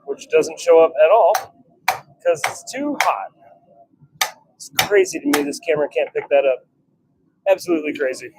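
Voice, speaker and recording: A knife-forging livestream host talks casually from his blacksmith workshop, forge going, muttering short, wry asides to himself and his viewers as he works. His voice sits on the high side and is sing-song, with vocal fry, a moderate pace and long pauses. The recording is very noisy.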